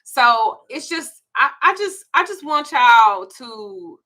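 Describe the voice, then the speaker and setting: A woman's voice: on the high side, sing-song, slow, bright, forceful tone. A woman in her forties with a Southern US accent, hosting a candid, profane, confiding casual chat. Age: 40s. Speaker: host.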